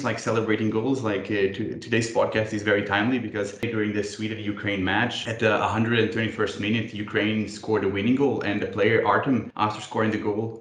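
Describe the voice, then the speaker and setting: A man with a Portuguese accent talks through technical topics in a steady, methodical way. His voice sits fairly low, and the recording has a noticeable room echo around it. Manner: explanatory, methodical. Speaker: data scientist guest. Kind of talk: podcast interview.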